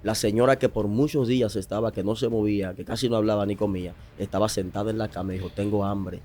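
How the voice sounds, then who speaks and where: Low-voiced pastor from the Dominican Republic. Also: male voice, steady tone, fast, dark tone. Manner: storytelling, rising emphasis. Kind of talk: emotional testimony.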